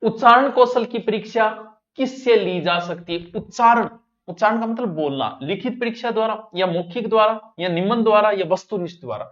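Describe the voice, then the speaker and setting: A man's voice: high voice, normal speed, hardly any pauses, a bit bright, dull audio. A man teaching an exam-prep lesson, talking straight to his students and repeating the key words.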